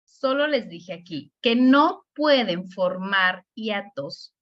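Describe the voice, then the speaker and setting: A woman with a Mexican accent teaching a spelling lesson, explaining patiently and drawing out words slowly to show the stress. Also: mid-range voice, expressive. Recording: dull lo-fi recording.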